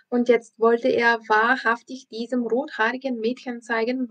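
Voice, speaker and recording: A woman, a language teacher, narrating a children's audiobook in a careful, expressive reading. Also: on the high side.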